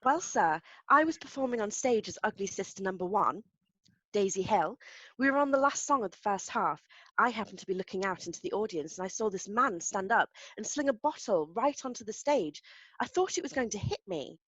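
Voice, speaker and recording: A woman's voice: medium pitch, animated, a little fast, a bit bright, no room sound. Earnest pantomime actress witness, played by a woman, in a dry, muffled recording. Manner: earnest storytelling testimony.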